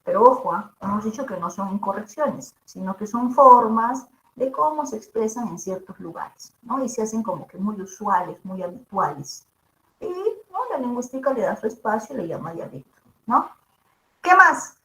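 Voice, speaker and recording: A woman teacher, giving a linguistics lecture in a lively way and asking her class rhetorical questions often. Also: on the high side, normal speed. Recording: echoey room.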